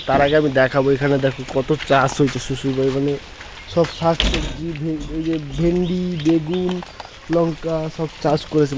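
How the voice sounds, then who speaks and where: A man's voice: a little high, a little mellow. A man chatting casually in a home vlog, rambling with many restarts. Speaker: vlogger. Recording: dull lo-fi phone audio with faint noise.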